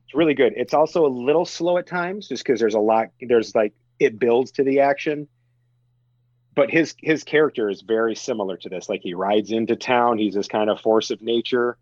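A talkative man on a podcast who chats about films in a loose, animated way, laughing often. His voice sits in a middle register. The recording is dull and dry, with no room sound. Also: mid-range voice, moderate pace, no room sound. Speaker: podcast guest. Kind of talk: casual film chat.

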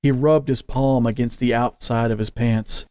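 A man narrating an audio story in a slow, measured, deliberate way. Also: medium pitch, fairly even intonation, darkish tone, clean tone, dry recording.

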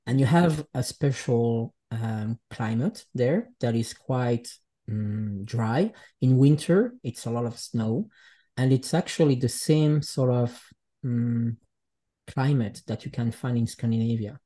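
A man from Switzerland, a guest artist talking reflectively in a casual conversation and often pausing to search for words. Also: medium pitch, dark tone. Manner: reflective, searching for words, speaks English as a second language.

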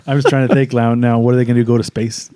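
A man's voice: mid-range voice, little pitch movement, very fast, dark tone, dry recording, clean studio sound. A man co-hosting a podcast, chatting casually and rambling as he retells movie scenes. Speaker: podcast co-host. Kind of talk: casual movie review chat.

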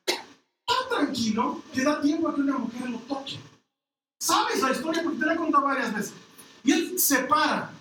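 A preacher telling a story in a lively, playful way, with acted voices. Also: high voice, moderate pace. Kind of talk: sermon with humorous storytelling. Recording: echoey hall, distant mic, noise.

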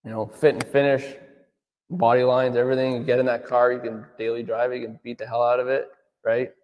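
This auto detailer and business owner, a man in his thirties, talks fairly quickly in a mid-range, level voice during a casual interview. He rambles, fills gaps with filler words and often asks "right?", while the muffled recording echoes like a large hall.

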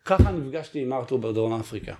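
A man's voice: mid-range voice, a little hiss or hum. A man in his thirties telling stories in a casual chat and acting out what people said. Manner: animated storyteller, acts out quotes. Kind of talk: casual storytelling.

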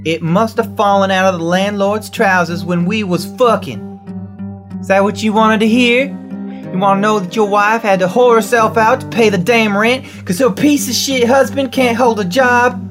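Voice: mid-range voice, a little fast, lightly acted. Defiant backwoods mother put on by a performer, weary, over guitar music. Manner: weary, bitter, pushes back hard. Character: worn-down, defiant frontier wife and mother.

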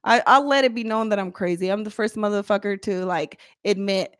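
A woman's voice: mid-range voice, fairly quick, a bit bright, clear, resonant tone, no room sound, clean studio sound. A middle-aged woman guesting on a casual podcast, blunt and profane, laughing often. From United States, parents from Guatemala. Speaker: podcast guest, practicing witch.

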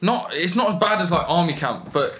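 A man's voice: a little high, expressive, fairly quick, bright, forceful tone. A young man, chatting casually and rambling through school memories. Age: young adult. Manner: laughs often, rambling, swears. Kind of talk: casual chat.

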